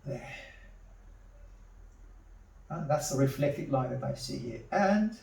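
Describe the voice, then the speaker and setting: A man demonstrating charcoal drawing, talking slowly to himself as he works and repeating words under his breath. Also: medium pitch, animated, vocal fry, dark tone. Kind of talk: thinking-aloud drawing demonstration. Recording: roomy, mic at a distance.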